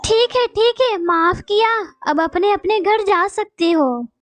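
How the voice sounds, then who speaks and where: Woman doing a very high-pitched little sparrow mom, wailing and lamenting, cartoon voice, dry sound. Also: expressive, slow, no echo, heavily acted. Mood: forgiving. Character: female sparrow, tearful hard-working mother bird. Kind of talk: cartoon voice acting.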